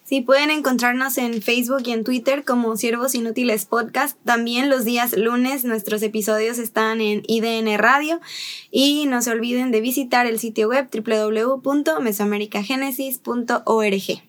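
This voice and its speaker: A woman's voice: fairly high pitch, fairly even intonation, normal speed. A woman co-hosting a podcast, plainly announcing where to find the show. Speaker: podcast co-host.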